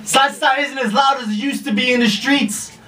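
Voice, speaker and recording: A man performing slam poetry live on stage as a spoken word poet, declaiming with an impassioned, incantatory, often shouted delivery. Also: extremely high pitch, steady tone, moderate pace. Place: live poetry event before an audience. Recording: live stage, distant from the mic.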